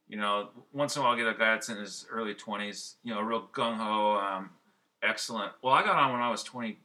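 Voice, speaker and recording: Man, 50s, podcast co-host; sharp, bright tone, rambling, excitable. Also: lowish voice. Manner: rambling, excitable, loud when enthused. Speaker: podcast co-host and race organizer. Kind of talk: casual podcast chat.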